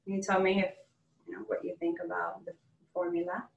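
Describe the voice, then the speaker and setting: A woman demonstrating a do-it-yourself oil blend in a casual class, chatty and quick to laugh. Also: lowish voice, flat delivery, gravelly, narrow, tinny audio. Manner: chatty, laughs often, upbeat. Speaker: essential oils class host. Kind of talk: hands-on demonstration with chat. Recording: roomy, distant from the mic.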